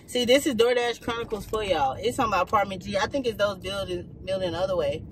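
Young man, chatty and teasing, higher voice, vlogging from the driver's seat. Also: fast, fairly bright tone, slight background noise, rough recording. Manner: chatty, teasing, talks straight to viewers. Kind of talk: casual chat while driving. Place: car.

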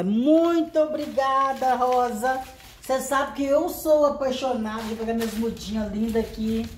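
A woman vlogger chatting casually to her viewers, exclaiming warmly over each gift she unpacks. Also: fairly high pitch. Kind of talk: casual unboxing chat. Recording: echoey room.

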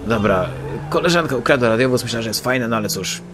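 Over loud in-game engines and sirens and a noisy background, a man jokes and mock-brags while playing. His medium-pitched voice is animated and his pace quick.

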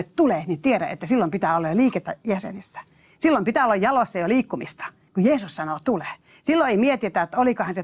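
A woman's voice: mid-range voice, a little mellow, husky. A woman preacher giving a sermon, emphatic, exclaiming hallelujahs and speaking straight to her listeners.

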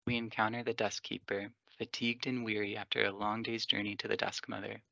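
Man narrator, low voice, monotone, gravelly and forceful, dry dull recording. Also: fairly quick, no room sound. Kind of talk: scripted nature-documentary narration.

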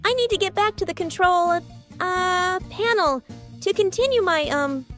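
A woman's voice: very high voice, a little slow, a bit bright, faint music behind. A woman voicing Anxiety, a frantic overworked female emotion who stammers and gets flustered, in a fan comic dub. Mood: exhausted.

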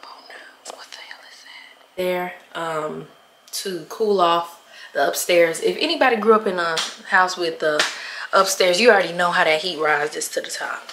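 A woman's voice: fairly low pitch, moderate pace, fairly bright tone, slight background noise. A woman chatting casually to her viewers as she fixes up a room at home. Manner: chatty, talks straight to viewers. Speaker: home renovation vlogger. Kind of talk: casual vlog chat. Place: at home, indoors.

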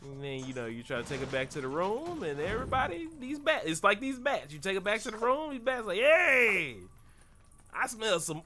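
A man's voice: sits high, very animated, quick pace, hardly any pauses, sharp tone. A young man streaming a video game, chatting casually in a rambling, jokey way. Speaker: gaming streamer. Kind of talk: casual gameplay commentary.

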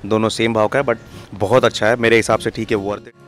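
A young man hosting a casual street food vlog outdoors, asking quick questions and praising the food with enthusiasm. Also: on the low side, level tone. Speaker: food vlogger host. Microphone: handheld lapel mic.

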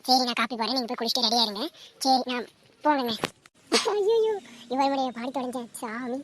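A woman voicing a sharp-tongued, quarrelsome housewife in a cartoon comedy, scolding loudly. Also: a little high, fairly even intonation, noisy background, lightly acted. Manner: fast, scolding, loud.

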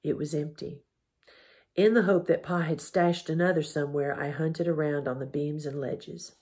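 Husky woman reading a storybook aloud. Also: low-pitched, fairly even intonation, moderate pace, a little mellow.

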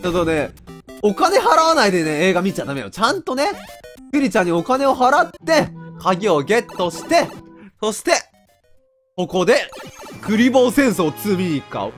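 A young man giving loud, joking let's-play commentary, often laughing and shouting at the screen. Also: high voice, big pitch swings, normal speed, soft background music. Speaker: game commentator.

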